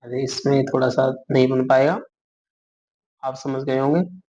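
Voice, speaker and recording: Slow, patient shorthand teacher, muffled recording. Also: male voice, mid-range voice, fairly even intonation, dark tone. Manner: slow, patient, spells words out letter by letter and asks "clear?"; calls students "beta", corrects himself as he draws. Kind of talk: explaining shorthand outlines for dictation words.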